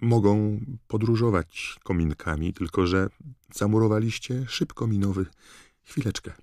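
A man voicing a polite young teenage boy in an audiobook, explaining things quickly and earnestly. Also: on the low side, a little mellow, no room sound, studio quality, voice pushed up, natural voice. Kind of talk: audiobook character voice.

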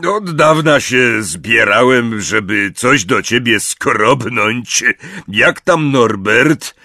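A man voicing a huge, gruff but good-natured half-giant gamekeeper who talks slowly and booms. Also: animated, sharp tone, no room sound, clean studio sound, full character voice. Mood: hearty. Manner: booming, slow and drawn out.

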